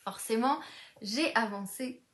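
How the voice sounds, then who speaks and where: A woman's voice: a little high, takes it slowly, fairly bright tone. A woman, a book vlogger chatting casually with many fillers and restarts, sometimes reading blurbs aloud. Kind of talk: casual chat, reading back covers aloud.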